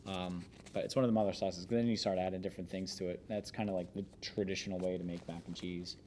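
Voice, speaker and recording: A man's voice: sits low, fast, a little hiss or hum. A man hosting a podcast, reading a memoir aloud and then chatting casually with restarts and fillers. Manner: relaxed, rambling, with frequent fillers and restarts. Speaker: podcast host.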